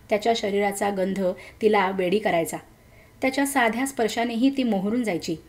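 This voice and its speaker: A woman reading a story aloud as its narrator, in a gentle, emotive way. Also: mid-range voice.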